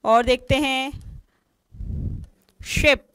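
A woman's voice: high voice, fairly even intonation, drawn-out words, a bit bright, clear, resonant tone, no echo. A woman teaching an online exam-prep lesson, spelling words out letter by letter and asking questions she then answers herself. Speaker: English teacher.

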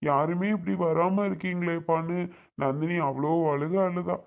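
A man's voice: a little high, steady tone, moderate pace, creaky. A man playing an older father in a homemade family drama, speaking in an earnest, pleading and reproachful way.

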